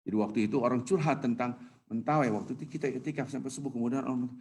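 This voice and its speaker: A man preaching in a mosque in a lively, colloquial way, reciting Arabic scripture and acting out the people in his examples. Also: mid-range voice, very fast. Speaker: Islamic preacher. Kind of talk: casual preaching.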